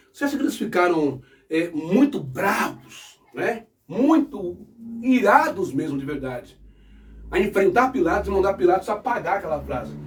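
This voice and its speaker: A man's voice: on the high side, far from the mic. A man preaching and explaining scripture, asking his listeners rhetorical questions. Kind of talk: sermon-style Bible teaching.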